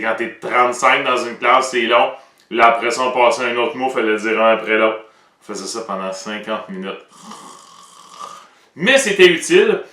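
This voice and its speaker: A man's voice: medium pitch, pushed and bright, reverberant, far from the mic. A man with a Québécois French accent, explaining pronunciation in a playful, joking way as the presenter of an educational show.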